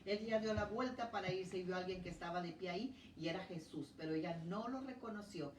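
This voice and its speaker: A woman's voice: fairly low pitch, a little fast, slight background noise. A woman preaching a sermon in a church, telling her own testimony in an earnest, emotional way. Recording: echoey church hall from a distance.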